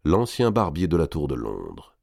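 A man reading a historical novel aloud in a measured, even storytelling manner. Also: a bass voice, gravelly, dry recording, studio quality. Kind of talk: audiobook narration.

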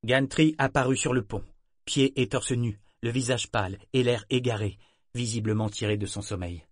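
Reading from a novel, a male audiobook narrator delivers scripted narration at a steady, measured storytelling pace. His pitch sits in the middle range, and the studio-quality recording carries no room sound.

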